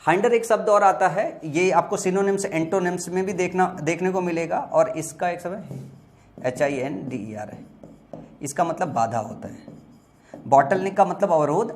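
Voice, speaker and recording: Young guy teaching vocab for exams, asks a question then answers it, calm and patient. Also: sits high. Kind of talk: exam-prep lesson, Hindi mixed with English.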